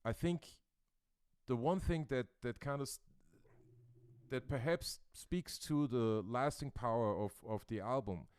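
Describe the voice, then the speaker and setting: A man's voice: mid-range voice, measured pace, a little mellow, smooth, dry recording, studio quality. A male host from Austria chatting in an interview, thoughtful and searching for his words. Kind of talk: casual interview chat. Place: Brooklyn, New York.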